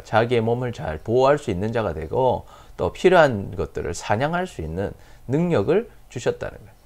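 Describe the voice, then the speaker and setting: Gravelly male pastor preaching. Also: on the low side, darkish tone. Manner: rhetorical questions answered himself; repeated blessing formulas. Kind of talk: sermon.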